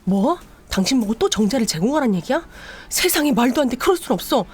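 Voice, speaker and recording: A woman's voice: on the high side, animated, fast, a little mellow. A woman voicing an indignant young wife while retelling a drama story. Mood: outraged.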